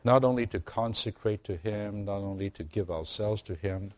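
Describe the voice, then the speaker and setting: A man preaching a sermon to a congregation, earnest and unhurried, growing emphatic as he reads and explains scripture. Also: on the low side. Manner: slow, earnest, calls for amens, rising to emphatic preaching.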